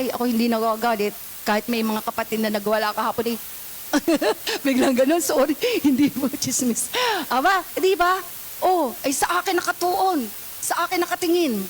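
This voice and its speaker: A woman's voice: high-pitched, a little hiss or hum, rough recording. A woman pastor with a Filipino accent preaches a sermon in a church, switching between scripture read in English and Tagalog and asking the congregation questions.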